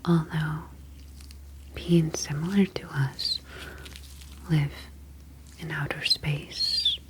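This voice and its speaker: In an ASMR sci-fi roleplay, a woman plays a calm, clinical scientist who is an alien from the ocean. Her breathy whisper sits low, and her wording is formal and measured as she explains things apologetically. Background noise can be heard.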